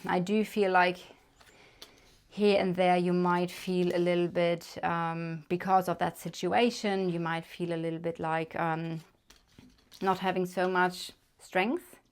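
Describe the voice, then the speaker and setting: A woman with a German accent and a fairly low voice gives a casual tarot card reading to camera, chatting and thinking aloud with many fillers. There is slight background noise.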